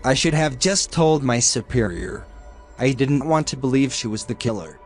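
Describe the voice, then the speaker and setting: A man's voice: mid-range voice, animated, normal speed, soft background music, natural voice. A man playing a remorseful detective father.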